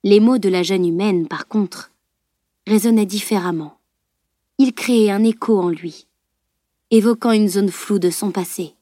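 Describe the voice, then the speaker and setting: A woman's voice: mid-range voice, a little slow, pauses often, warm tone, no room sound. Dry, close woman narrating a novel. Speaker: audiobook narrator. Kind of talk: scripted narration.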